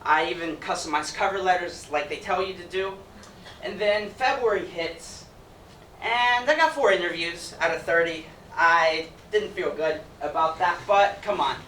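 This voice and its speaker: A man's voice: high-pitched, normal speed, pushed and bright. Young man presenting in a roomy hall. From Ecuador. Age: young adult. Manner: upbeat, conversational, jokey. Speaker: student presenter. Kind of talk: presentation talk. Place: event hall with audience. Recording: roomy, distant mic, noisy.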